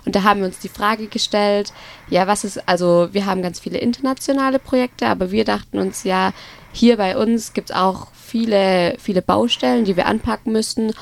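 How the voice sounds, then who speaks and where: Twenty-year-old woman with gravelly voice. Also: medium pitch, steady tone, brisk. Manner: earnest, explaining with fillers. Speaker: student project organizer. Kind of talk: studio interview. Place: radio studio.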